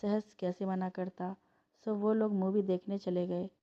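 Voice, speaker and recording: A woman narrates a family story in a plain, steady reading. Her pitch barely moves and stays at a middle height. The recording is dull and lo-fi. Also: unhurried.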